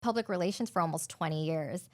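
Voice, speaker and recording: Speaking quickly in a lowish, somewhat mellow voice, this forties woman from Hawaii and California co-hosts a podcast. She chats loosely, sharing a personal story peppered with "like."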